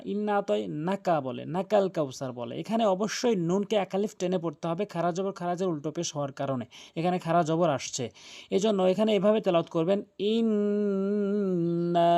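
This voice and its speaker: A man with a high-pitched voice gives a Quran recitation lesson. He is earnest and emphatic, drilling each letter and vowel mark one at a time and stressing the rules hard. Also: a little mellow.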